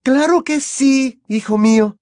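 A man's voice: extremely high pitch, slow, a little mellow, no room sound, clean studio sound, pitched above the performer's own voice. A man voicing a doting, fussy middle-aged witch mother who gushes over her son. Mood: gushing. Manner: gushing and flustered.

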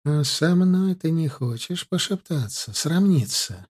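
Sinister gloating gentleman for an audiobook, slow and savoring, a male narrator doing it with a husky, mellow voice. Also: on the high side, lively intonation. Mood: gloating, ecstatic. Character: cruel, gloating man relishing a young woman's death. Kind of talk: audiobook character reading.

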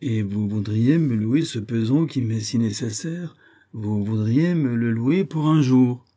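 A man's voice: medium pitch, a little slow, warm tone, close to an everyday voice. A man voicing a miserly old male moneylender who whines and laments, in a storybook reading. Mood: whining. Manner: wheedling, lamenting.

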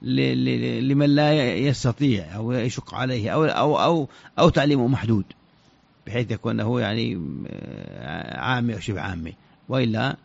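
A man giving religious rulings on a radio show, halting and often repeating words as he searches for the next one, on a dull lo-fi recording. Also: medium pitch, lively intonation, creaky. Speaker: scholar answering religious questions. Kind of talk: radio fatwa answers.

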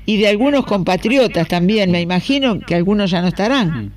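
A man's voice: high voice, lively intonation, brisk. A man hosting a radio interview, asking prompting follow-up questions. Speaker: radio host.

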